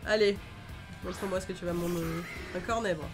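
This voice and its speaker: A woman's voice: fairly low pitch, fairly even intonation, normal speed. A woman hosting a let's-play video, chatting and thinking aloud in a casual, upbeat way with lots of fillers. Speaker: gaming video host. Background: game music.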